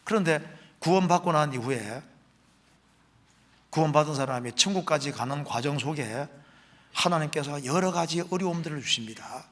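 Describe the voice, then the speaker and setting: A middle-aged man preaching a sermon as pastor, reading scripture aloud slowly and with rising emphasis. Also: a little high, animated, a bit bright.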